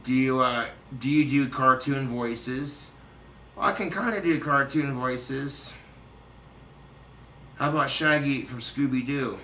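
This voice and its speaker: A man's voice: medium pitch, slow, long pauses, sharp tone, a little hiss or hum. A young man bantering playfully and teasing while trading impressions. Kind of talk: joking banter, doing impressions. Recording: roomy, distant amateur recording.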